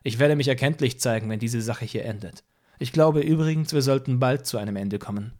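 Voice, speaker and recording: A man's voice: mid-range voice, a little fast, a little mellow, lightly acted. A man doing a brash scheming music boss. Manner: brash, pushy, self-assured. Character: scheming male music-business boss on phone. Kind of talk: audiobook character voice.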